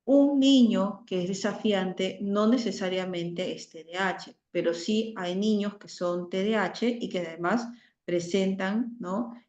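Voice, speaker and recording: A woman giving an online class lecture, often ending phrases with a questioning tag and pausing on fillers. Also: mid-range voice, darkish tone. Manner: frequent "¿no?" tags and hesitations. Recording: roomy, dull lo-fi audio.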